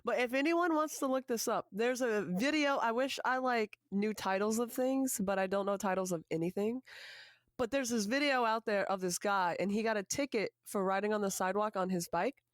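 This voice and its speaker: A woman in her twenties co-hosting a casual podcast, animated and opinionated, swearing casually. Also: medium pitch, moderate pace, no echo, clean studio sound. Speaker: podcast co-host.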